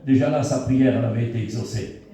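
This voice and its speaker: A middle-aged man, a pastor, telling a testimony in a sermon, in an animated storytelling way that repeats phrases for emphasis. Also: medium pitch, quick pace. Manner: animated storytelling, acts out dialogue. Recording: very echoey hall, mic far off.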